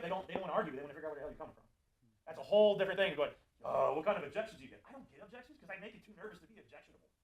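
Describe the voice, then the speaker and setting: A man's voice: on the high side, poor audio. A man giving a live sales and service training talk to a group of technicians, joking and putting questions to people in the room. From Florida. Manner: animated, jokey, asks the audience questions.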